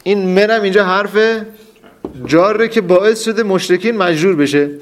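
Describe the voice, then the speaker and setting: Guy teaching a class, keeps firing questions and answering them himself, bit high pitched, students around. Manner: repetitive quizzing, asks and answers his own questions; emphatic, drills terms aloud. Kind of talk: classroom lesson.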